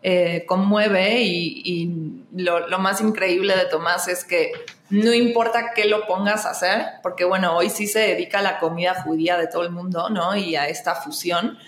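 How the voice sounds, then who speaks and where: An Argentine woman speaks with a Mexican Spanish accent, a little low in pitch. She talks animatedly as a podcast guest and laughs often. The room around her is echoey. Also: fairly even intonation, moderate pace. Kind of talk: casual podcast conversation.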